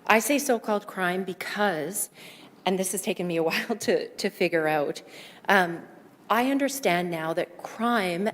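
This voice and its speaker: A woman psychiatrist giving public testimony at a budget hearing, out of breath and talking in an earnest, explanatory way. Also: lowish voice. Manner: earnest, explanatory, thinking aloud. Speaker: psychiatrist speaking as public delegate. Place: large council chamber. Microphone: podium microphone. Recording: long reverb of a council chamber, faint room hum.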